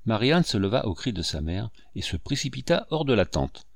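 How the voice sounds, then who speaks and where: A man narrating a classic novel in a lively, theatrical audiobook reading. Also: fairly low pitch, moderate pace, creaky, no echo, studio quality. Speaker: audiobook reader. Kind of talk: expressive literary narration.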